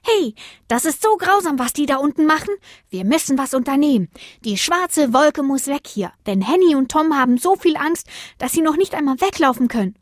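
A woman voicing an excited little star in a storybook, urgently pleading for help. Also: high voice, normal speed, dry recording, studio quality, voice pushed up.

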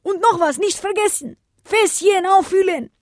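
A woman voicing a male rescue-dog leader who barks orders loudly and bossily. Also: extremely high pitch, normal speed, dry recording, studio quality, voice pushed up. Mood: commanding. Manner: barking orders, loud and bossy.

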